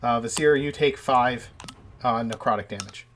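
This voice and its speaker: A man narrating as game master of a tabletop game in a casual, halting, improvised way. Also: mid-range voice, noisy background.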